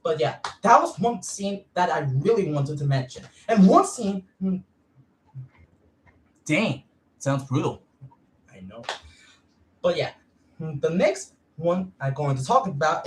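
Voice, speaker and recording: A woman rambles through a casual movie review, stopping to hum between nearly every phrase. Her pitch leaps up and down in lively swings. She sounds a little away from the mic in a roomy, echoing space. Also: distant mic. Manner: hesitant, full of hums and fillers; excitable, insists she is serious. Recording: echoey room, voice away from the mic.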